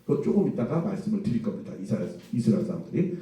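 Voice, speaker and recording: A man, a pastor, preaching a sermon in a lively storytelling way, asking rhetorical questions and chuckling. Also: on the low side, racing. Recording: echoey room from far off.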